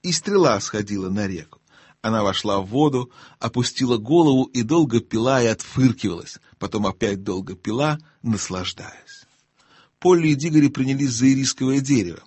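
A man narrating an audiobook in a calm, expressive storytelling manner. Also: mid-range voice, moderate pace, slightly rough, no room sound. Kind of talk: scripted narration.

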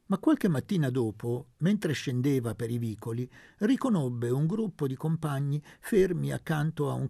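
Gravelly, husky male audiobook narrator. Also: mid-range voice, dry recording, studio quality. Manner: expressive, measured. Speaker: audiobook reader.

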